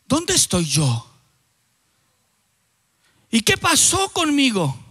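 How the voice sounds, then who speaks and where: Man putting on a weak, bewildered homeless man, slow low mutter, bright thin tone. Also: wildly swooping pitch, husky, exaggerated voice. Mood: dazed. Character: dazed ragged homeless man, weak and confused.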